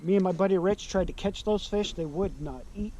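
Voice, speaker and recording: A young man from California talks casually to the camera as he stands outdoors beside a pond, slightly winded, full of ums and uhs. His voice is mellow and sits a bit high for a man. Faint outdoor noise is audible behind him. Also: fairly quick. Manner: loose and rambling, lots of fillers. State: a little out of breath. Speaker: fishing vlogger. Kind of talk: casual outdoor vlog talk.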